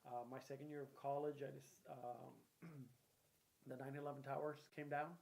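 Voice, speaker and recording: A man in his forties from Puerto Rico, a guest on an interview show, telling his story in a steady, plain way. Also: mid-range voice, moderate pace, creaky. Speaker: guest, political candidate. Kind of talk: interview answers.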